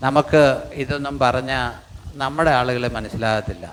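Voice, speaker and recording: A man's voice: medium pitch, moderate pace, background noise. An older man, preaching a sermon emphatically and repeating lines for the congregation. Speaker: pastor. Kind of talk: sermon with congregation reading scripture.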